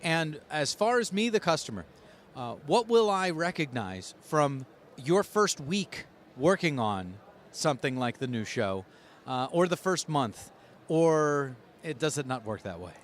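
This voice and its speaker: Speaking unhurriedly and with few pauses, a man with a fairly high pitch and big pitch swings hosts a podcast. He delivers the sponsor reads and intro in an upbeat, emphatic way before settling into soft, casual conversation with his guest.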